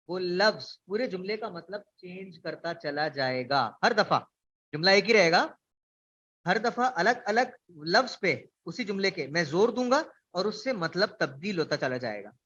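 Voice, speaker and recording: A male instructor with a high-pitched, fairly bright voice gives an online orientation lecture, using examples to explain ideas and putting questions to students. The audio is dull and lo-fi, typical of an online class.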